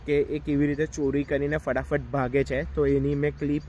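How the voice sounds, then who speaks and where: A man's voice: a little high, level tone, normal speed, darkish tone, muffled recording, slight background noise. A man telling a story in a casual vlog, talking straight to his viewers while outdoors in a park. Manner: chatty, addresses viewers directly. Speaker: vlogger.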